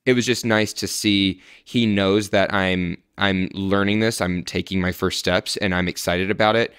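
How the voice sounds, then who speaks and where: A man's voice: low-pitched, fairly even intonation, normal speed, a bit bright, smooth, no room sound, clean studio sound. A man in his thirties, a podcast guest, talking earnestly and reflectively about his own dating life, thinking aloud. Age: 30s. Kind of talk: candid interview talk.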